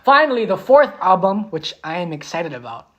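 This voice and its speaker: A beatboxer and musician chatting casually on a livestream, repeating titles slowly and humming melodies. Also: medium pitch, very animated, a bit bright, lo-fi sound.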